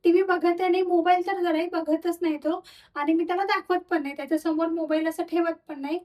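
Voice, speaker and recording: A woman's voice: extremely high pitch, fairly even intonation, fairly quick, darkish tone, far from the mic. A woman in her thirties, a mother chatting casually to her viewers while she goes about her day at home. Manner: chatty, mixes English words, soothes a crying baby. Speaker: vlogger mother. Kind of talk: casual home vlog chat. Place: home, indoors.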